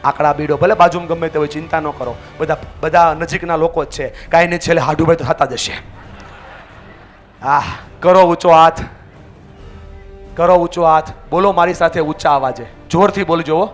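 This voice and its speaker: A man giving a motivational speech to a live audience, energetic and calling out to the crowd for answers and chants. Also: a little high, fast, hardly any pauses, soft background music. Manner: leads the audience in loud chants. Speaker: motivational speaker. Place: large event hall with an audience.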